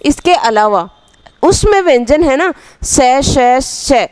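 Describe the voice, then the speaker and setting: A woman teaching a grammar lesson, asking the class questions and answering them herself, repeating phrases slowly for dictation. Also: high-pitched, animated, a little mellow, no echo.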